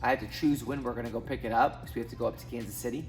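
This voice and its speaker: A thirties man from Southwest Missouri, a finance YouTuber, rambles casually to camera with lots of ums and restarts. His voice sits at medium pitch with a steady tone, and he talks at a racing clip over faint background music.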